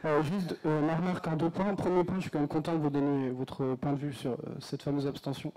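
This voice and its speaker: A man's voice: on the high side, little pitch movement, fast, mellow, low-quality recording. A man in the audience making a polite, hesitant remark with many fillers at a conference debate. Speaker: audience member. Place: lecture hall.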